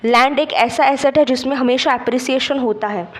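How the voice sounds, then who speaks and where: A woman's voice: sits high, normal speed. A woman gives an online exam-prep lesson. She explains patiently, step by step, and keeps checking in with her students. She slips English terms into her Hindi as she goes. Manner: patient, checks understanding with frequent "theek hai".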